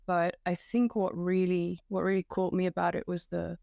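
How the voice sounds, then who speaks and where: Podcast guest: young woman from Belgium, low gravelly voice, chatty and self-deprecating, dry close sound. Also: level tone, moderate pace, dark tone, no room sound. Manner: chatty, self-deprecating, many fillers and restarts. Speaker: guest, climbing competition volunteer. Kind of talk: casual podcast conversation. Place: floor of a new room at home. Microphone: home setup.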